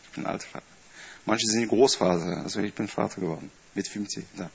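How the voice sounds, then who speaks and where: A church staff member from the Netherlands, a man in his fifties, greets a congregation in German with a Dutch and French accent. His informal talk is friendly and rambling, full of pauses, fillers and small grammar slips, in a voice on the low side with vocal fry and a breathy edge. The recording sounds slightly dull.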